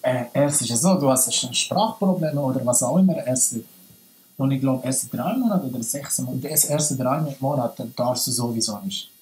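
A man's voice: mid-range voice, moderate pace, a little mellow, rough recording. Young man with a Persian accent, hesitant. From Iran. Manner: hesitant, searching for words, many restarts. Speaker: guest. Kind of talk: casual interview. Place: small indoor room at a table. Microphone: camera from a few meters.

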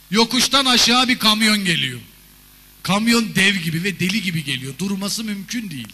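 A man performing a stand-up comedy monologue on a theater stage, telling stories animatedly. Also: high voice. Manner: animated storytelling with shouted character voices. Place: theater stage before a live audience. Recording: long reverb of a stage hall.

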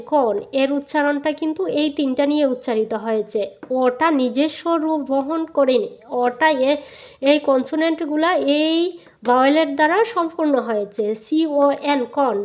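A woman teaching English spelling and phonics, spelling words out letter by letter and repeating them slowly. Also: high-pitched. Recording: dull lo-fi sound.

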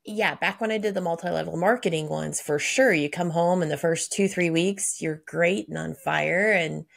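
A woman co-hosting a podcast, answering questions with excitable stories and acting out her own thoughts in a chatty way. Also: lowish voice, normal speed, creaky. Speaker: podcast co-host. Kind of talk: conversational podcast talk.

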